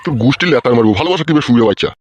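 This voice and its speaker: A man's voice: medium pitch, lively intonation, muffled recording, faint music behind, lightly acted. A man doing a foul-mouthed furious village father. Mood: angry. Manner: rapid abusive yelling. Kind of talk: comic dub.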